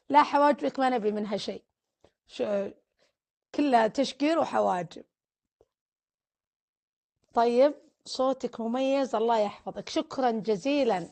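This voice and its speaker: A woman, a family counselor hosting a casual live stream, reading viewer comments aloud, teasing them and offering blessings. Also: sits high.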